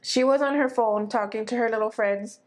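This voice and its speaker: A woman's voice: on the high side, moderate pace. A woman in her thirties co-hosting a casual chat podcast, easygoing and agreeable, with lots of fillers. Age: 30s. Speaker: podcast co-host.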